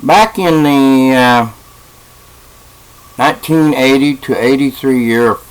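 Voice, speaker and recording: Halting man telling a story. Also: medium pitch, smooth, rough recording. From West Virginia. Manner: halting, with frequent uh fillers and restarts. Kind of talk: casual spoken storytelling. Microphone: webcam.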